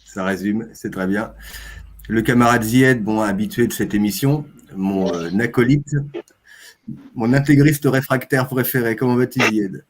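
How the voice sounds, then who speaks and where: A man's voice: mid-range voice, a little slow. A man hosting a live stream, chatting casually and hesitating often as he introduces his guests. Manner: hesitant, with frequent "euh" fillers.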